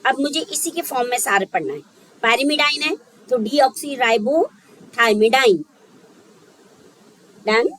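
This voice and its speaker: A woman's voice: high-pitched, animated, normal speed, bright, forceful tone, low-quality recording. A woman teaching a biology lesson for exam preparation, thinking aloud and checking in often with her students. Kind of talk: exam-prep lecture.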